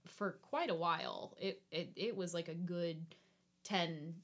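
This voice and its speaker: A woman's voice: fairly low pitch, a little slow, fairly bright tone. A woman co-hosting a podcast, chatting casually about a movie with lots of "like" fillers. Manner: chatty, many "like" fillers, acts out characters' lines. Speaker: podcast co-host. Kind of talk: casual chat reviewing a movie.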